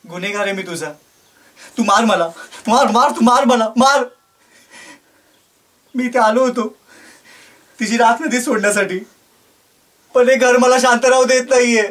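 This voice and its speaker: A man's voice: extremely high pitch, normal speed, pauses often, a bit bright, recorded from a distance. A man playing a grown son sick with guilt, desperately begging forgiveness. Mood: pleading. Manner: pleading, desperate.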